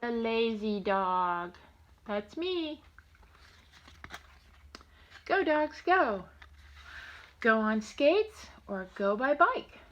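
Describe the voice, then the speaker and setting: This grandmother's voice is a little high and fairly bright, very animated, with drawn-out words and long pauses. She reads a picture book and chats affectionately with her young grandchild in a playful sing-song. The sound is lo-fi.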